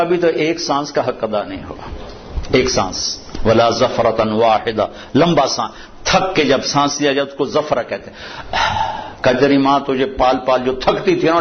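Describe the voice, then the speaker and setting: A male preacher from Pakistan giving a sermon, telling stories and reciting verses, repeating key phrases for emphasis. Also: mid-range voice. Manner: storytelling with Quranic recitation in Arabic. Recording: old dull lo-fi recording with faint noise.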